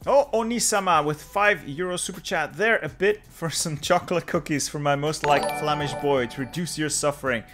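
A young Flemish man, a native Dutch speaker, streams a strategy game and chats with viewers, muttering to himself in a dry, offhand way. His voice is a little high and a bit bright, moving at a moderate pace with few pauses. Faint music plays in the background.

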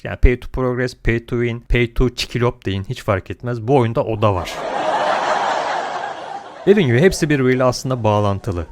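Man, smooth clear voice, medium pitch, gaming commentary, blunt, grumbling, slangy. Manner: blunt, complaining, uses slang and mild swearing. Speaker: gaming video creator.

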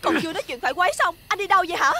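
A sharp-tongued wronged wife. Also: female voice, very high voice, rapid-fire, background noise. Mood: indignant. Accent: Southern Vietnamese. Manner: sharp, accusing, scolding. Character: indignant wronged young wife. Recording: music playing behind.

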